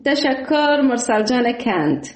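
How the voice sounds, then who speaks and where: A woman hosting a call-in show, polite, thanking often and pausing with fillers. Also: a little high, big pitch swings, echoey room. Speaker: radio show host.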